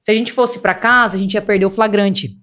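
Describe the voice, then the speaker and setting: Animated young Brazilian woman telling a story. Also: mid-range voice, brisk. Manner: animated, acts out quoted voices. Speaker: podcast guest. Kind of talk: casual storytelling.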